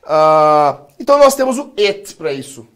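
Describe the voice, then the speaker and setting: A man's voice: a little high, very animated, unhurried, fairly bright tone. A Brazilian man teaching English in a live class, leading call-and-repeat drills and joking with his students. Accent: Brazilian Portuguese.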